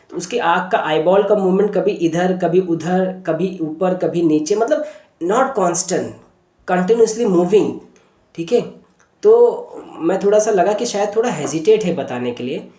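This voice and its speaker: A man, a homeopathic doctor, teaching through a patient case story in an unhurried way, often pausing to check in with his listeners. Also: high voice, dark tone, echoey room.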